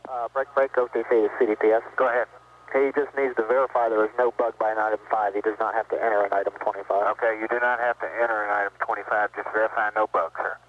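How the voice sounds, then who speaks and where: A man working as a launch test conductor, giving terse procedural callouts over a crackly two-way radio channel in a brisk, businesslike manner. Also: on the low side, flat delivery. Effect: crackly two-way radio transmission. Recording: tinny narrow-band radio channel.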